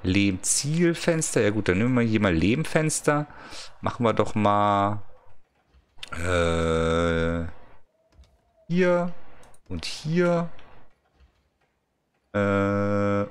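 A man giving casual gameplay commentary, muttering and counting to himself as he builds and chatting to his game characters. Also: lowish voice. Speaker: let's play gamer.

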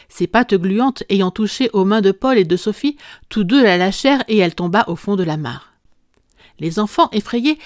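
A woman narrating a classic children's book aloud in a calm, even storytelling manner. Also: medium pitch, no room sound, clean studio sound. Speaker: audiobook narrator. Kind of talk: scripted narration.

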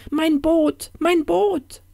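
A terrified young cottager wife, as a woman storyteller puts her on, cries out in a high, strained voice. She pleads breathlessly and loudly in this storybook reading. The sound is close and dry. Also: very animated, moderate pace, no room sound. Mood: panicked.

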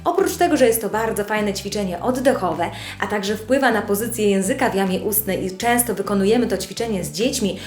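A woman's voice: medium pitch, a little fast, hardly any pauses. Speech therapist woman explaining games, echoey room. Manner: friendly, explanatory, addresses parents directly. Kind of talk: instructional video presentation. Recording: echoey room with soft music.

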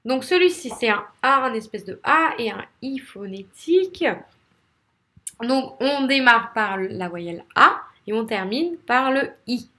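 A woman with a French accent gives an English pronunciation lesson in a slightly high, unhurried voice. She repeats each sound several times over and speaks directly to her viewers, encouraging them to try it themselves. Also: animated, pushed and bright. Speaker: English teacher.

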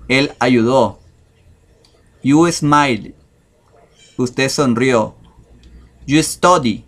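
Guy doing a vocab lesson on screen, super slow, lots of ums and pauses, mid pitch. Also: fairly bright tone. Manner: slow, hesitant, many fillers. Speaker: English teacher.

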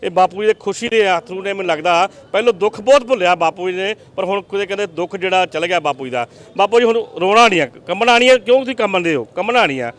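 Quick, high-voiced male street reporter. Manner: brisk, prompting questions. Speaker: field reporter. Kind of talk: on-the-spot news interview.

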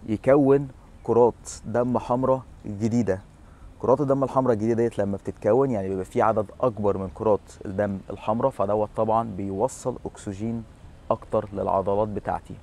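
A man's voice: lowish voice, fairly even intonation, fast, a little mellow. A man in his thirties with an Egyptian Arabic accent, presenting an informal fitness explainer to camera. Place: outdoor seafront bench in a city. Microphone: lapel.

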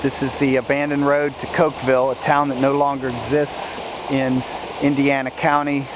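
Guy on a walking tour by a river, halting and full of ums, mid voice, muffled camera audio. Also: mid-range voice, level tone, noisy background. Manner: halting, many fillers. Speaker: history video host. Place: wooded riverbank trail outdoors. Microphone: handheld camera mic. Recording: dull lo-fi outdoor audio.

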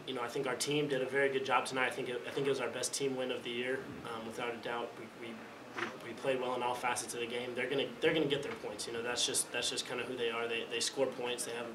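A man's voice: medium pitch, little pitch movement, fast. A young man, a college quarterback, answering press questions after a game, often restarting and repeating words, speaking into a table mic in a press room. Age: young adult. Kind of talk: postgame press conference answers. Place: press conference room, indoors. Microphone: table mic in front of him. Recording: echoey room, distant mic, background noise.

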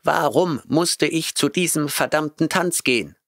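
A man voicing a crazed three-legged parrot-cat creature in a high, squawking, jittery voice for an audiobook. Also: a little slow, gravelly, a bit bright, dry recording, studio quality. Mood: fond.

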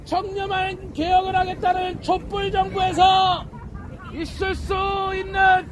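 A man shouts a street protest speech, his voice pushed extremely high and held in a flat, unvarying tone. He stretches out his slogans phrase by phrase, calling to passers-by. A faint murmur of crowd and street noise sits behind him. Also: unhurried.

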